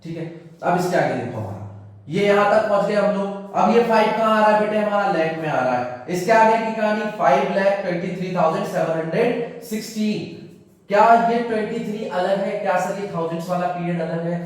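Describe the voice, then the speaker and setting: A man's voice: high voice, animated, fairly quick. A man teaching a maths lesson to children, asking questions and answering them himself, often calling the students "beta". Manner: calls students "beta" warmly. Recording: echoey hall, voice from far off.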